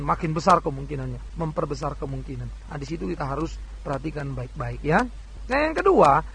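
A man preaching a sermon in a lively, conversational way, often turning to his listeners and acting out the voices he quotes. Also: very high voice, slight background noise. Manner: animated preaching, addresses listeners as "saudara", acts out quoted voices. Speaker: pastor.

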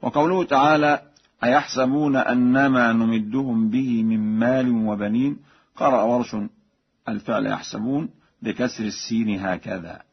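Husky male Quran teacher on radio. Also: mid-range voice, steady tone. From Egypt. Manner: formal, measured delivery. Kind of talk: radio lesson on recitation readings. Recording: dull lo-fi radio broadcast.

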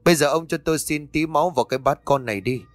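A man voicing a calm village sorcerer who gives brisk, matter-of-fact instructions. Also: on the high side, dry recording, soft background music, natural voice.

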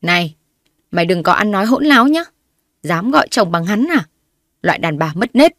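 A woman's voice: mid-range voice, quick pace, no echo, close to an everyday voice. A woman voicing a spiteful older mother-in-law who scolds and shrieks accusations, read in a dry recording. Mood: scolding.

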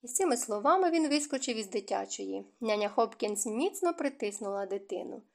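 Lady reading a novel out loud, kinda high voice, calm steady narration. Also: fairly quick, vocal fry. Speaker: audiobook narrator.

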